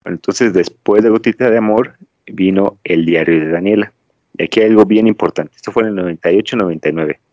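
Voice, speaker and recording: Low-pitched and darkish in tone, the Mexican podcast host talks a little fast with no echo around him. He casually chats, wandering off into digressions as he spins stories, captured in dry, slightly dull lo-fi sound.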